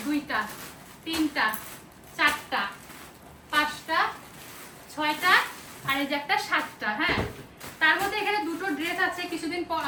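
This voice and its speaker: Young female vlogger, high voice, rapid chatty rambling, home setting. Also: background noise. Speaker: vlogger and mother. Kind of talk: casual home vlog chat. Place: at home, indoors.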